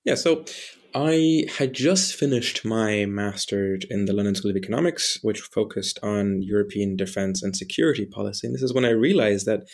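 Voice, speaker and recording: A man in his late twenties from Ireland, answering interview questions in a measured, articulate way with small restarts. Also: on the low side. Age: 20s. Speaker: interview guest.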